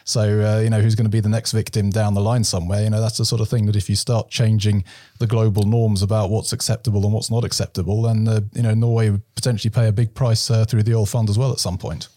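A man's voice: fairly low pitch, flat delivery, quick pace, warm tone, no echo, clean studio sound. A man discussing policy in an interview, thoughtful and hedging, with frequent fillers like "you know" and "sort of".

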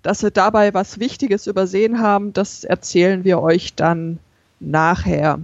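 A woman presenting as a podcast host in an informative, measured way with hesitant pauses, on a slightly dull recording. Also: medium pitch, steady tone, no echo.

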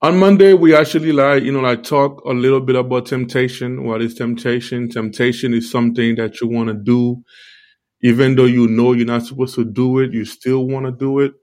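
This man, a live-stream preacher, talks informally and haltingly through a devotional while nursing a toothache and a sore gum, often repeating himself. His tone is steady, medium in pitch and a bit mellow, with articulation led by the tongue that slightly alters his speech.

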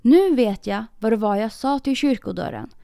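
A woman's voice: on the high side, animated, vocal fry, smooth, no echo, studio quality, soft background music. A woman voicing a proud, harsh false bride in a storybook reading, speaking sharply. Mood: defensive. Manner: sharp, scolding.

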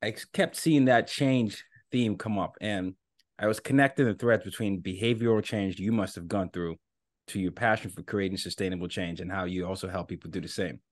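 A man's voice: low voice, steady tone, a little fast, dry recording, clean studio sound. A man hosting a podcast who introduces his guest and asks eager questions, often restarting his sentences. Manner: laughs easily, eager, stumbling restarts. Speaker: podcast host. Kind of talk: podcast interview.

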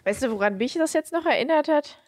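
A woman's voice: high voice, animated, quick pace, darkish tone, no room sound, clean studio sound. A woman chatting casually as a podcast co-host, reacting to what is being discussed. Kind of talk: casual chat, reacting to a video.

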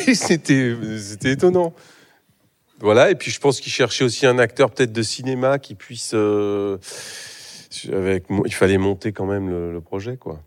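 A man's voice: on the low side, moderate pace. A middle-aged man, an actor, talking in a live interview on a theatre stage, hesitant, with many fillers and restarts. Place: theatre stage before an audience.

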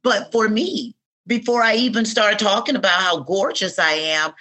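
A woman's voice: mid-range voice, steady tone, normal speed, pushed and bright. A woman in her fifties, a podcast guest, telling reflective stories in conversation and acting out quoted affirmations. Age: 50s. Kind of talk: conversational interview.

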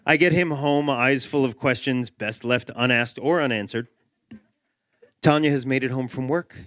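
A man telling a comic personal story, animated and self-mocking with quick asides. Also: mid-range voice. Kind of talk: live comedic storytelling.

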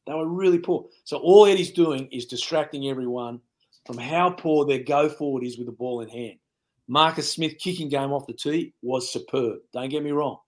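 Blunt, joking ex-coach man. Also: mid-range voice. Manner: blunt, colourful, laughs at his own jokes. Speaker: rugby pundit, former coach. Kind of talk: casual sports analysis.

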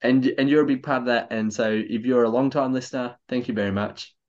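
Somewhat tipsy and eager, this male podcast co-host chats informally, frequently stumbling and restarting. His medium-pitched, darkish voice holds a steady tone and goes a little fast, in slightly dull lo-fi audio.

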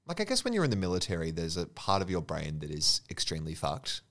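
Aussie guy on a podcast, super deep voice that swings all over, laughs and swears a lot. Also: fast. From Australia. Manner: animated, laughing, swears freely. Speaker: podcast guest. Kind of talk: casual podcast chat.

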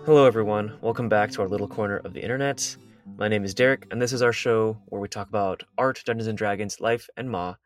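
A man's voice: lowish voice, fast, soft background music. A young man co-hosting a podcast in a laid-back, casual chat with his friend, often chuckling and agreeing. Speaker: podcast co-host.

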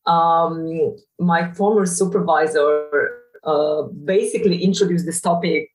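Guest: middle-aged woman, low-ish voice, halting and reflective, distant roomy call audio. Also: steady tone, over music. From Poland. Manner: thoughtful, many fillers and restarts. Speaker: guest, professor. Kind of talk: interview over a video call. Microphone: video call.

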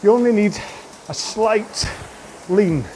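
A man coaching an indoor rowing workout, giving slow, measured cues about posture and pace. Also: high-pitched, a little mellow, slight background noise.

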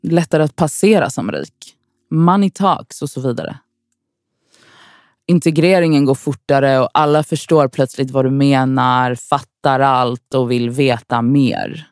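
A woman's voice: rumbling low, a little mellow, dry recording. A woman from Sweden in a scripted inner monologue, wry, frustrated and profane as she talks to herself.

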